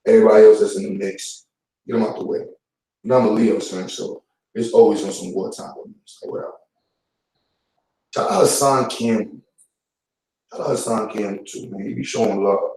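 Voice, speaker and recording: A man's voice: lowish voice, fairly even intonation, moderate pace, pauses often, mellow. A man giving a casual, blunt vlog rant full of street slang, repeating his points. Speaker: YouTube commentator. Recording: echoey room, voice far from mic.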